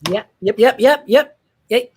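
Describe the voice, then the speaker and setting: A man's voice: mid-range voice, animated, normal speed, fairly bright tone, natural voice. A man playing a boastful founding father who rambles and stammers, name-dropping as a bachelor in an improv sketch. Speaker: bachelor contestant. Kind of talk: improv game-show comedy.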